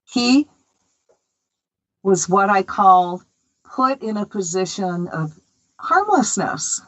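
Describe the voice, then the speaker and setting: Speaking slowly and expressively, this American host of a spiritual radio show has a medium, slightly bright voice. Her casual talk is opinionated and packed with filler words.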